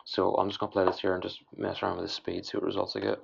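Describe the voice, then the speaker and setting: A man giving a casual, unscripted software tutorial in a tired, hoarse voice with a breathy rasp, halting and mumbling as he goes. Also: low voice, completely flat delivery, very noisy. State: hoarse, worn-out late-night voice. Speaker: music production tutorial host. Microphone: voice-over on screen recording. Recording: dull, lo-fi voice-over.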